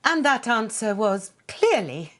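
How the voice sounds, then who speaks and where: A woman's voice: fairly high pitch, big pitch swings, a little slow, a bit bright, slight background noise. A theatrical quiz-host mother. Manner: grand and theatrical, sings tunes in "la la" syllables. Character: theatrical middle-aged mother hosting a music quiz. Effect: silly voice filter. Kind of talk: video game dialogue.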